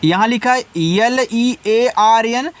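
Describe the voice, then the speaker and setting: High-voiced man teaching English spelling. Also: smooth. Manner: spells letters slowly then explains patiently, asks and answers himself. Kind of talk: Hindi-language spelling lesson.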